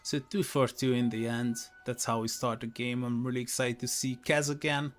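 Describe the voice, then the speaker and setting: A man's voice: medium pitch, little pitch movement, moderate pace. A man casting a live esports match solo, chatty and talking straight to his viewers, often correcting himself mid-sentence. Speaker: esports caster. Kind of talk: live game commentary.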